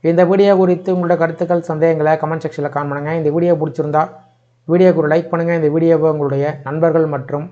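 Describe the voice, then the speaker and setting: A man reading a news narration in an even, steady manner as the channel's host. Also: fairly high pitch, very fast, lo-fi sound.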